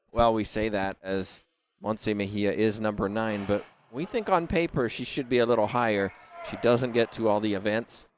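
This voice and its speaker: A man hosting live racquet sport commentary, speaking in measured, deliberate phrases with pauses. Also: on the low side. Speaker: sports commentator and broadcast host. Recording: faint background noise.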